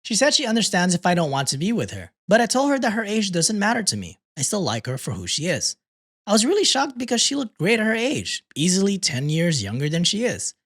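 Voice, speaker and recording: Man, podcast host, reading posts aloud, laid-back, slangy, very lively pitch. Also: a little fast.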